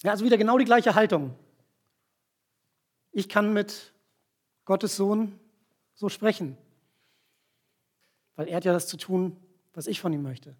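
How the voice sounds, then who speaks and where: Preaching to a gathering, a man with a husky, fairly high voice walks through a scripture passage step by step while volunteers stand up to act it out. His explanations are slow, and he keeps checking in with listeners through short tag questions in this sermon with a volunteer demonstration.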